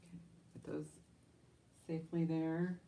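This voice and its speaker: Gravelly, low-voiced woman auctioneer. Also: little pitch movement, a little slow, dark tone, slight background noise. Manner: chatty, enthusiastic, talks to herself while handling items. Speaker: live auction host.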